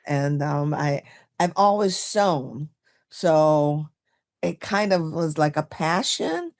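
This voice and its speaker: She's in her sixties, originally from Barbados, and appears as a makeup artist guest on a podcast interview. Her voice sits low and moves slowly, yet she tells her stories in a chatty, animated way, full of fillers and laughter.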